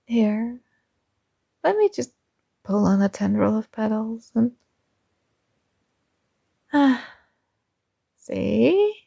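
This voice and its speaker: Playing a possessive young princess in ASMR, a woman sounds sweetly commanding, coaxing and teasing softly while drawing out each word. Her delivery is very animated and heavily acted, and her slightly high voice has a gravelly fry. The recording is close and dry, with the highs cut off.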